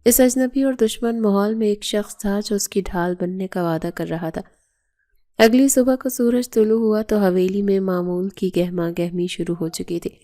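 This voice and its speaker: A woman narrator reading a romantic novel as a bedtime story in a steady storytelling manner. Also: mid-range voice.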